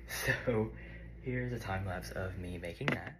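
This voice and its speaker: A young man with a deep voice chats unhurriedly through a home cleaning vlog, his speech full of "like" fillers. He films on a phone moving around his bedroom, and the recording is very noisy.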